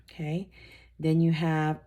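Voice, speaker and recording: A woman's voice: low-pitched, monotone, slow, warm tone, lo-fi sound. A woman teacher giving a patient, step-by-step drawing lesson for children, repeating each step and encouraging them.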